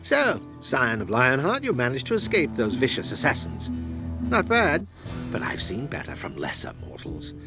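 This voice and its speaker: A man's voice: mid-range voice, wildly swooping pitch, normal speed, music in the background. An actor playing an ancient, mocking spirit in a fantasy game, pompous and sarcastic in his condescension. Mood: haughty condescension. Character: ancient mocking male spirit bound to a bloodline. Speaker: tutorial guide. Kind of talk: theatrical fantasy game voice acting.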